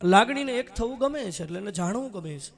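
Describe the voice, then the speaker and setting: A man giving a devotional sermon, telling stories in a folksy, humorous, animated way. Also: sits high, fairly quick, vocal fry. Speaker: kathakar, preacher.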